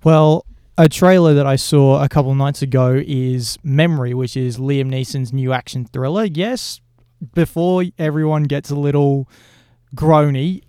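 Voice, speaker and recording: A man co-hosting a film podcast, talking casually in a measured, wry way. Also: fairly high pitch, fairly even intonation, warm tone, smooth, no echo, clean studio sound. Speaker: podcast co-host.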